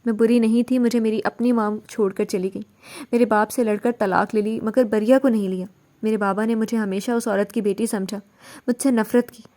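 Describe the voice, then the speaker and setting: A woman's voice: on the high side, steady tone, mellow, lightly acted. A woman reading the part of a distraught young wife who pleads insistently. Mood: tearful.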